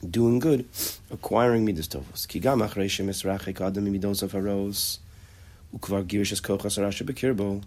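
A man teaching a conversational lecture on character traits, acting out bits of dialogue and often restarting his sentences. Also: on the low side. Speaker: Torah teacher.

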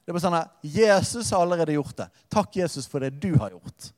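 A man's voice: on the high side, animated, a little mellow, long reverb tail. A man preaching a sermon as pastor, with impassioned delivery that swells and drops and uses emphatic repetition.

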